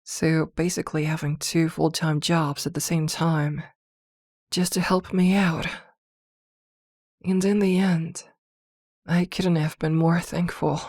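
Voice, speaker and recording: Her voice lowish and her mood fond and reminiscing, a woman plays a possessive, protective witch girlfriend in an intimate ASMR roleplay. She talks gently and soothingly, pausing hesitantly, captured in clean studio audio without any room sound.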